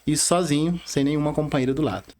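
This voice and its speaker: A man's voice: fairly high pitch, a little mellow. Earnest Brazilian man with a Rondônia accent. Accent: Rondônia Brazilian Portuguese. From Bahia, Brazil, raised in Rondônia. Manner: earnest, frequent "né?" tags, halting restarts. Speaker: bank branch manager, podcast guest. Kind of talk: casual interview talk.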